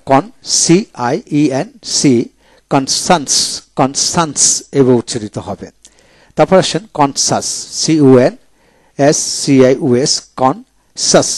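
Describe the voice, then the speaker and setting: Slow, drilling male pronunciation teacher. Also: fairly high pitch, darkish tone, dry recording. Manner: slow, drilling each word twice. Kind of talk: spelling out words letter by letter.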